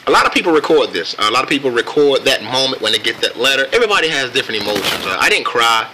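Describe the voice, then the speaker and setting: An American man casually telling a personal story on camera in a reflective, laid-back and halting way. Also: medium pitch, big pitch swings, bright, forceful tone, poor audio. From United States. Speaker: vlogger.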